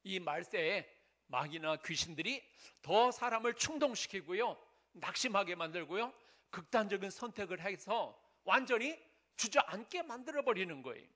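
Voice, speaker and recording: A man's voice: sits high, animated, moderate pace, pushed and bright. A male pastor giving a sermon in an earnest, conversational way, asking the congregation rhetorical questions. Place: church sanctuary.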